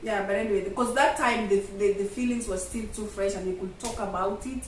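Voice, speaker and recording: A woman's voice: medium pitch, steady tone, fairly quick. A woman from Kenya with a Kenyan accent, hosting a casual sit-down vlog chat and speaking conversationally to viewers. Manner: conversational, addresses viewers as "guys". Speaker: vlog host. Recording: echoey room, distant mic, faint noise.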